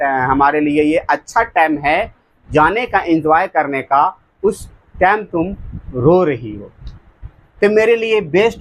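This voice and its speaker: Male tutor, high-pitched and unhurried; drawn-out poem reading, playful explanations with chuckles. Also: rough recording. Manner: reads English lines very slowly, then explains with jokes and chuckles. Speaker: teacher. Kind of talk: Hindi-medium class lecture explaining an English poem.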